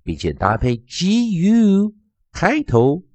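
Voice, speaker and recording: A male phonics teacher whose pitch swoops widely from high to low as he explains. He talks at an unhurried, deliberate pace and drills each letter sound over and over. The sound is dry and close. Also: wildly swooping pitch, a little mellow, dry recording. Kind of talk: online phonics lesson.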